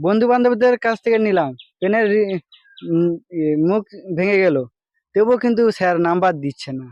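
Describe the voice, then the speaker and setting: A man playing a hapless failed high-school student in a comedy sketch, rambling and naive, with a rural West Bengal Bengali accent. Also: a little fast, a little mellow, no room sound, muffled recording, natural voice. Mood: aggrieved boasting. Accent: rural West Bengal Bengali dialect. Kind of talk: comedy sketch mock interview.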